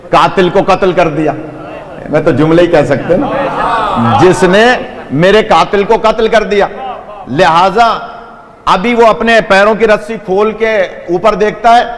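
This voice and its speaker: A man's voice: high voice, big-room sound. A man preaching a sermon to a gathering, retelling a story dramatically with quoted dialogue and blessings for the listeners.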